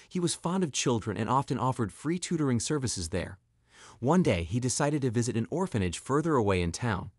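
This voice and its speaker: A man reading a dramatic story aloud, his pitch moving a lot from line to line. The sound is dry and close, with no echo at all. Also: a little mellow. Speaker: narrator. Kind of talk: scripted story narration.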